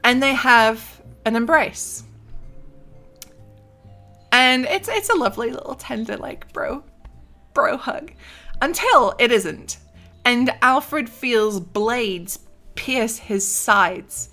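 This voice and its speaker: A woman casually recapping a tabletop role-playing campaign, chatty and animated, with asides and sound effects. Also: fairly high pitch, takes it slowly, long pauses, soft background music. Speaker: tabletop game player recapping a character.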